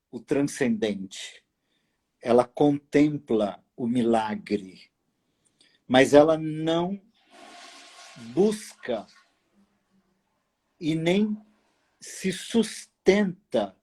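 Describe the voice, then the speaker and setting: A man hosting a late-night live video chat from his apartment, speaking slowly and deliberately with long pauses and fillers. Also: mid-range voice, animated, darkish tone. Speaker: host. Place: apartment at home.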